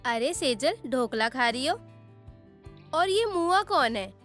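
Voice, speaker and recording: A woman's voice: sits high, big pitch swings, takes it slowly, a bit bright, faint music behind, full character voice. A woman playing a nagging nosy auntie. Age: middle-aged. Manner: scolding, gossipy, nagging. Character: nosy middle-aged gossiping auntie.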